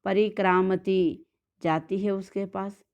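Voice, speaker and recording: A woman's voice: mid-range voice, steady tone, slow pace, a little mellow, clear, resonant tone, muffled recording. A woman teaching a Sanskrit textbook lesson, reading each line and then explaining it word by word.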